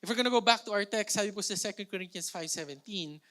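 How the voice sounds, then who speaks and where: A man's voice: high voice, quick pace, fairly bright tone. A young man with a Filipino accent preaching a playful, conversational sermon, mixing in jokes and rhetorical questions to the congregation.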